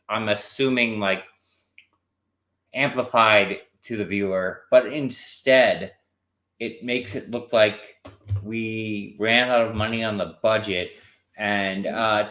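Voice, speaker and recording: A tipsy man giving a casual, scornful movie review, emphatic and halting, often repeating his phrases. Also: lowish voice, a bit bright. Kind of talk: casual spoiler review chat. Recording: roomy echo.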